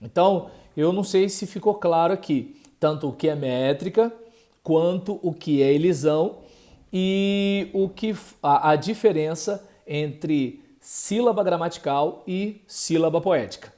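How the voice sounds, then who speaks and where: A male teacher working through a lesson at an unhurried, deliberate pace. His voice sits a little high for a man yet sounds mellow and dark, and he keeps pausing to check that the viewer is following. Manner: slow, patient, with many fillers and check-ins. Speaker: Portuguese language teacher. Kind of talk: explanatory lesson.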